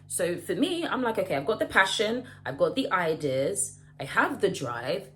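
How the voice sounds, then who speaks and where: A woman in her late twenties speaks in a low voice, giving a casual motivational talk to camera. She is animated and emphatic, often repeating and restarting her phrases. A faint hum sits under the recording. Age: late 20s. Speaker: vlogger.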